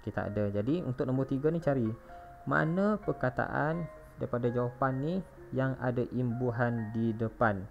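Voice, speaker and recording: A man's voice: mid-range voice, moderate pace, creaky. A male primary school teacher with a Malaysian Malay accent, patiently walking young pupils through a recorded lesson and spelling words out letter by letter. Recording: dull lo-fi recording with faint music.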